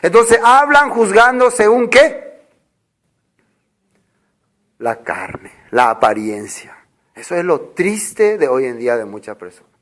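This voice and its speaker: A man with a notably high voice preaches a sermon. He reads scripture aloud, then unpacks it through a string of rhetorical questions that he answers himself. His delivery is that of a congregation's preacher. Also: big pitch swings, takes it slowly, long pauses, a bit bright. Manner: reads scripture verses aloud and explains them.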